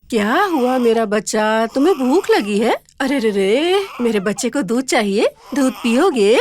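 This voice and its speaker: A woman voicing a cruel, harsh stepmother who scolds in a shrill voice. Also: very animated, normal speed, a bit bright. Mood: doting. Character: cruel harsh stepmother, doting on her son.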